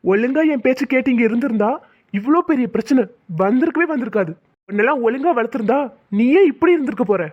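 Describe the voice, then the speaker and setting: A woman's voice: a little high, lively intonation, quick pace, no echo, highs cut off. A woman voicing an angry young man who harshly accuses his fiancée in a cartoon. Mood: scornful.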